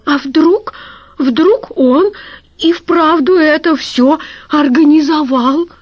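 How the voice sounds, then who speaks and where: A woman voicing an elderly aunt who wails and pleads in a shrill, tearful voice. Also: measured pace, no echo, close to an everyday voice. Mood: wailing pleading. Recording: dull lo-fi recording.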